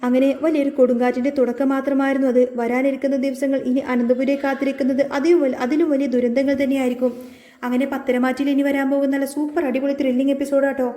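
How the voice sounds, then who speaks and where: Rapid high-voiced woman storyteller. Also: level tone, dark tone. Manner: rapid dramatic retelling. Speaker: serial recap narrator. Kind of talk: storytelling narration. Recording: echoey room.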